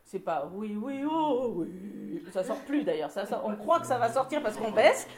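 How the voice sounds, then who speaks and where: Lively woman directing a choir rehearsal. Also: medium pitch, a little fast, echoey room. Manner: encouraging, explains while demonstrating by singing.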